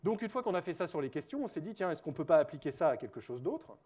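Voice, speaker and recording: A man's voice: fairly high pitch, big pitch swings, quick pace, a little mellow. A man giving a spontaneous conference lecture as a researcher, chatty, with frequent fillers, self-corrections and wry joking asides.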